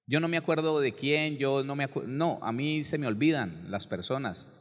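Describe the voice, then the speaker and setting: A man giving a conversational, animated sermon as a pastor. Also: medium pitch, normal speed, in a large hall. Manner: conversational, animated, acts out quoted people.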